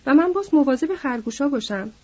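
A woman's voice: high voice, animated, darkish tone. A woman voicing a big, simple-minded, childlike man who pleads eagerly, reading aloud in a storybook. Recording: dull lo-fi recording.

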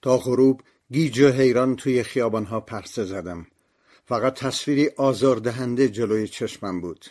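A man's voice: medium pitch, darkish tone. Somber man narrating an audiobook. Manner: somber, reflective. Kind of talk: scripted literary narration.

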